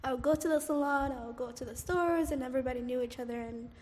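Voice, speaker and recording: In an oral history interview, a woman in her twenties, born in Somalia and raised in Cairo, Egypt, casually reminisces about her childhood. Her high voice moves at a quick pace, full of hesitant "um"s and "like"s and soft laughs, with a big-room sound.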